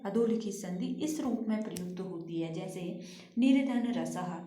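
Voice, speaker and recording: A woman teaching a grammar lesson, slow and patient, asking questions and answering them herself. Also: medium pitch, expressive, mellow, echoey room.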